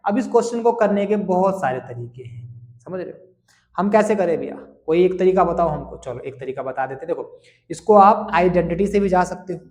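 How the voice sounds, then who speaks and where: A man teaching a board-exam maths lesson who keeps asking questions and answering them himself. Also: high voice. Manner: asks and answers his own questions, calling students bhaiya and beta.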